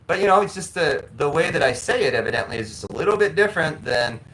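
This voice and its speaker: Man, casual vlog storytelling, lively swooping pitch, slightly high voice, acts out voices, rambling. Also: fast talker, slight background noise, poor audio. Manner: animated, acts out both sides of conversations with voices; rambling with frequent restarts. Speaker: vlogger. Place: living abroad in a tropical city.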